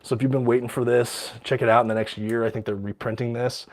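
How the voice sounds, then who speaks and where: A man's voice: mid-range voice, little pitch movement, quick pace. A man hosting a casual livestream, talking eagerly with many ums and uhs, a little out of breath from a cold. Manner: enthusiastic, many ums and uhs, reads out viewer questions. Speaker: livestream host showing his comic collection.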